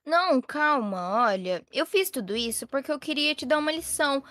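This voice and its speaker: A woman's voice: high-pitched, moderate pace, no echo. A woman voicing a mild mother and employer who pretends to be stern to teach her maid a lesson. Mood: lecturing. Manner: calm, lecturing. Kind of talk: Roblox role-play voicing.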